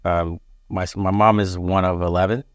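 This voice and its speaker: A man in his forties from Barbados, a police chief answering interview questions in a measured, halting way with many fillers. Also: sits low, little pitch movement, dry recording. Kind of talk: interview conversation.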